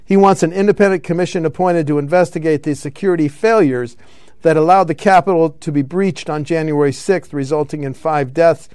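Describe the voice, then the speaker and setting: Man, political talk host, smooth resonant voice, slightly high, dry close sound, halting with fillers. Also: a little mellow, dry recording. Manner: reads news items with frequent fillers and self-corrections. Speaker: radio show host.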